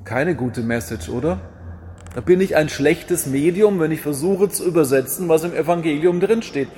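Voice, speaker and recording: A man preaching a sermon in a lively, rhetorical manner, with wry asides and repeated refrains. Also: a little high, moderate pace, a little hiss or hum.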